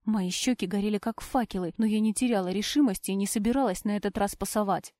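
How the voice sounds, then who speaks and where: A woman narrates a first-person novel with emphatic delivery that rises loud on the outcries. Her voice sits at an everyday middle pitch. The recording is dry and close, with no room around it. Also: fast talker, no echo. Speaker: audiobook reader. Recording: dry close audiobook mic.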